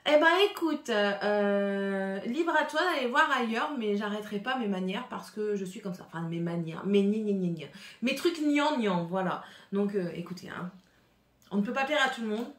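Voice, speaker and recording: A woman's voice: mid-range voice, lively intonation, moderate pace. A French-accented woman vlogging at home, chatting casually through a shopping haul, rambling with many fillers and restarts. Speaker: beauty vlogger. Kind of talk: casual haul chat to camera. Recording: echoey room, faint noise.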